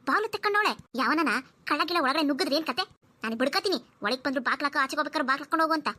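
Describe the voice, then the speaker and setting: A nosy, scolding old mother-in-law played by a woman grumbles and mutters to herself in a very high, bright voice at a quick clip. It is cartoon voice acting. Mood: grumbling.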